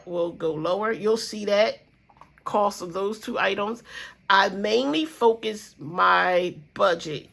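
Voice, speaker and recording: This woman's fairly low, creaky voice has a slightly bright tone. She's a budgeting vlogger with a stuffy nose, casually chatting to camera about her budget, full of fillers and addressing her viewers as guys and y'all.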